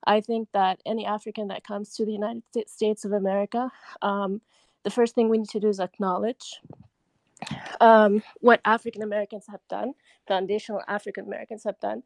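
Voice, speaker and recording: A woman from Sudan calls in to a talk show. She speaks earnestly but hesitantly, with plenty of ums. Her voice is mid-pitched, and the sound is dry. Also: level tone, brisk, creaky, no echo. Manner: earnest, hesitant, many fillers. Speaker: caller. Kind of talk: call-in talk.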